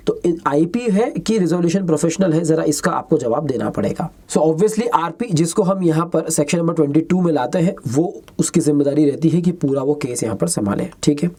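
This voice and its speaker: A male lecturer works through exam questions in a relaxed, mellow voice. He moves between Hindi and English and reads each question out slowly before turning to friendly, chatty explanations. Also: a little high.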